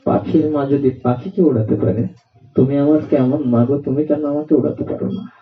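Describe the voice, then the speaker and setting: A man's voice: a little high, normal speed, natural voice. A man voicing a sulky little boy who pleads with his mother, heard in a roomy, distant and dull recording.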